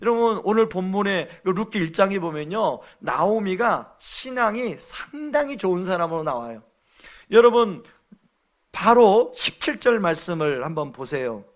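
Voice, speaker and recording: High-voiced pastor preaching a sermon. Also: male voice, sing-song, normal speed. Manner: earnest preaching, acts out quoted lines. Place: church sanctuary.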